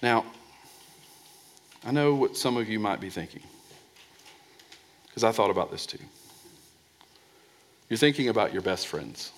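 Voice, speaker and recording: Man preaching with soft emphatic drops. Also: expressive, measured pace, pauses often. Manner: emphatic, drops to a soft low voice on key words, repeats words when restarting. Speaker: pastor. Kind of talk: sermon.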